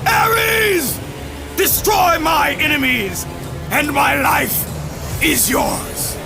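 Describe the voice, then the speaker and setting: An actor playing a fierce, vengeful young Spartan warrior with a gravelly, grim, theatrical delivery in a video game. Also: male voice, very high-pitched, very slow, full character voice. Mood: desperate, roaring. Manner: grim, forceful, theatrical declamation. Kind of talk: dramatic video game acting. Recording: loud dramatic music over voice.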